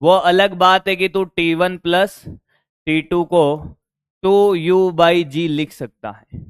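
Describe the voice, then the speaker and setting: Male physics tutor, hoarse, slow and deliberate, close dry mic. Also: high-pitched, fairly even intonation, no room sound. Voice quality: strained, worn voice. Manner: coaxing, keeps asking if students got it. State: hoarse from shouting. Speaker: physics teacher. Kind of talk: online physics lecture at a board.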